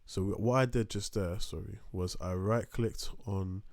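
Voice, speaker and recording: A man's voice: on the low side, steady tone, unhurried, darkish tone, no echo. A young man giving a casual beat-making tutorial, rambling with lots of fillers and restarts, sometimes drifting off his desk mic. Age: young adult. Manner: rambling, filler-heavy, self-interrupting. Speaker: music production tutor. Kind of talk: casual screen-recorded tutorial. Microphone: desk microphone, sometimes turned away from.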